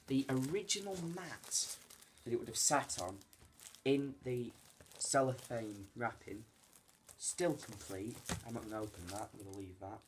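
Speaking at a medium pitch and an easy pace, a young adult British man talks casually to camera while unboxing items in his carpeted living room, with nothing scripted. The sound comes from a camera a short way off and is noisy, with audible clicks.

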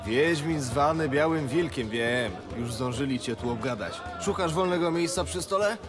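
An actor playing a hearty, talkative middle-aged innkeeper in a fantasy game, earthy and folksy. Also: male voice, a little high, moderate pace, music in the background, natural voice. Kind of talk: fantasy video game voice acting.

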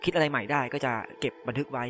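A man's voice: mid-range voice, quick pace, music in the background. A man giving casual let's-play commentary. He reads in-game messages aloud and translates them on the fly, in loose, filler-heavy talk full of polite particles. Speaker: gamer translating game text.

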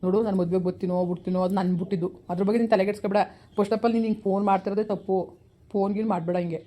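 A woman's voice: mid-range voice, steady tone, racing, warm tone, close to an everyday voice. A woman voicing a stern young village man with a rural Kannada accent, curt and dismissive. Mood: cold. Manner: curt, dismissive, repeats his refusal. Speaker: actor in a village skit. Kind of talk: village skit acting.

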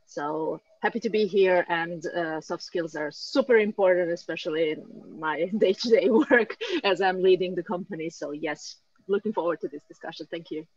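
A woman's voice: lowish voice, normal speed, husky, no echo. Woman from Serbia, company head on a panel; cheerful, lo-fi call audio. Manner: cheerful, laughs easily.

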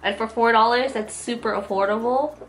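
Poor audio with a little hiss or hum captures a twenty-something beauty vlogger giving a casual, gushing makeup review in a small room at home, over background music. Her voice is on the high side, fairly even in intonation and a little fast. It is nasal and congested as she gets over a cold.

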